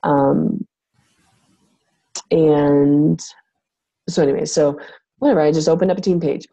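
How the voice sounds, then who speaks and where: A woman with a low, gravelly, husky voice that sounds like she is losing it. She talks casually to her team and rambles with plenty of fillers. Her tone is dark and mellow. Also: fairly even intonation, a little slow, lo-fi sound. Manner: rambling, filler-heavy, acts out quotes with big pitch jumps. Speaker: team leader of fitness coaches. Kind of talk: casual talk on a team call.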